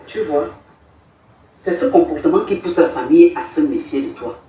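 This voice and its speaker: A woman playing a calm, firm mother who lectures and soothes. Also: low-pitched, moderate pace. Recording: echoey room, far off, faint music.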